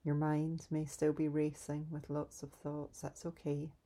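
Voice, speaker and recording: A woman leading a calm guided grounding exercise in a soft, soothing, unhurried way, pausing between instructions. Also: sits low. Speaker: meditation guide.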